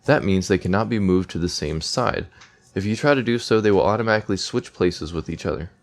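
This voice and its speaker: A man's voice: low-pitched, brisk. A man commentating a game playthrough, reading the on-screen dialogue aloud between casual remarks. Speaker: let's play gamer.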